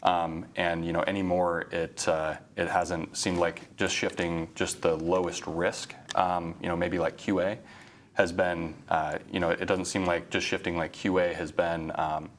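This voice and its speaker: Flat, low-voiced man, halting delivery. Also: slight background noise. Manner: hesitant, many "um" and "you know" fillers. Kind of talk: livestream panel discussion.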